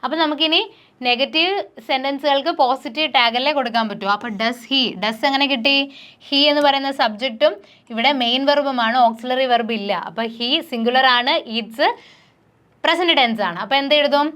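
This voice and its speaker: A woman's voice: high-pitched, brisk, a bit bright. A woman teaching an English grammar lesson for exam candidates, drilling students with repeated questions.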